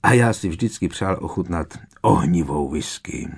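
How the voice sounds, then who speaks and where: A man voicing an eager, easily excited teenage boy wizard in an audiobook reading. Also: low-pitched, breathy edge, heavily acted. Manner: eager, quick, boyish enthusiasm.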